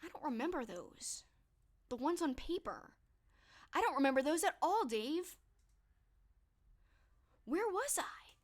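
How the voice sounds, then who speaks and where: With a high, sing-song voice, this young woman speaks at a measured pace with long pauses. As a streamer fielding viewer questions live, she's upbeat and casual, full of "like" and "um," while her worn voice fades away.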